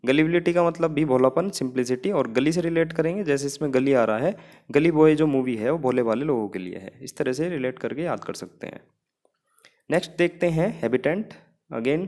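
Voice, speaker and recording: A man's voice: on the high side, a little fast, darkish tone. A man with an Indian accent teaching English vocabulary for exam prep, explaining memory tricks and repeating key phrases.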